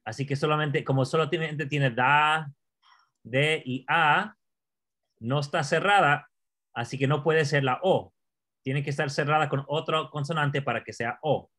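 A man's voice: fairly high pitch, sharp tone. A man teaching Hebrew pronunciation step by step, repeating words and quizzing his learner. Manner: slow, repeats words, asks the learner questions. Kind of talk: patient classroom explanation.

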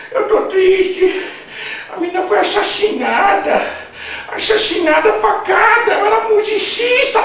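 A man playing a brash, indignant comic radio host, shouting crude, mocking rants. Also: very high-pitched. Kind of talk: comic rant. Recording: very echoey room, voice far from mic.

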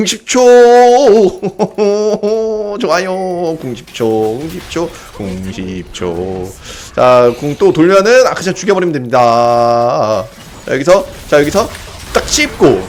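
A young man streaming a video game, giving excited casual commentary, often yelling and swearing during fights. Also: on the high side, a little hiss or hum. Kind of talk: excited live gameplay commentary.

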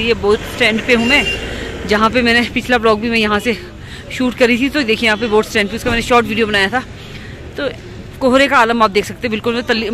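A woman's voice: a little high, fairly bright tone. A woman chatting to her viewers as she walks a foggy lakeside road, filming on a handheld phone. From Uttarakhand, India. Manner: chatty, keeps addressing viewers as friends. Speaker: vlogger. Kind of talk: casual walking vlog narration. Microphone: handheld phone while walking.

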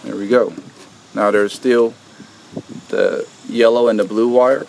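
A man's voice: medium pitch, fairly even intonation, slow pace, vocal fry, darkish tone, a little hiss or hum. A man hosting a do-it-yourself video, talking through a repair step by step outdoors with many hesitant fillers. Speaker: DIY video host. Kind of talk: casual how-to explanation. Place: outdoors at an air conditioner unit.

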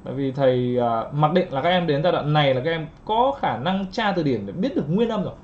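A man teaching English pronunciation in an online lesson, patiently repeating phrases slowly to drill word stress. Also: fairly high pitch, animated, highs cut off, slight background noise.

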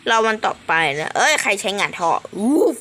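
Lively bright-voiced woman gaming streamer. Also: medium pitch, fairly quick. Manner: animated, squealing exclamations, playful. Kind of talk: casual game commentary.

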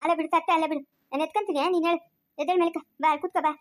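A woman's voice: extremely high pitch, steady tone, rapid-fire. A woman playing a kind village mother who soothes and coaxes, in a home-made family skit. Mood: coaxing. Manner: soothing, then grumbling under her breath.

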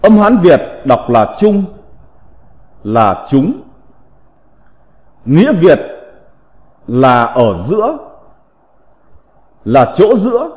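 A man teaching a slow recited vocabulary lesson, reading in a deliberate, measured way with drawn-out syllables. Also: fairly high pitch, huge pitch swings, darkish tone. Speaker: teacher of classical characters. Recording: long reverb.

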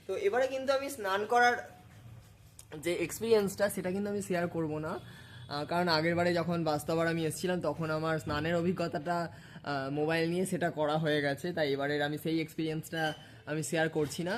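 A man's voice: fairly high pitch, steady tone, fast, reverberant, a little hiss or hum. A man talking casually to camera as a travel vlogger. He chats with his viewers as friends and mixes English words into his talk.

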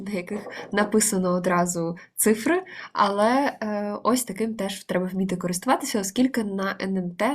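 A woman's voice: medium pitch, slightly rough. A woman teaching an online language lesson, explaining step by step with many fillers.

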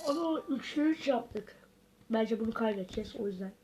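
A woman's voice: fairly high pitch, lively intonation, normal speed, mellow, husky. A woman giving casual gameplay commentary, talking to viewers and muttering reactions as she plays. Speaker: gaming video host.

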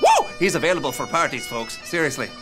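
A man's voice: a little high, wildly swooping pitch, fast talker, music in the background. A man playing a boastful Scottish rapper in a kids' church comedy sketch, with a put-on Scottish accent and hammy, jokey patter.

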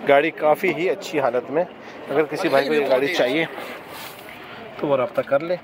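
A man's voice: fairly high pitch, steady tone, normal speed, over a noisy crowd, low-quality recording. A man vlogging outdoors at a car market, chatting casually as he shows used cars to viewers. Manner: chatty, salesman-like, talks buyers through cars. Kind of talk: casual walkaround vlog.

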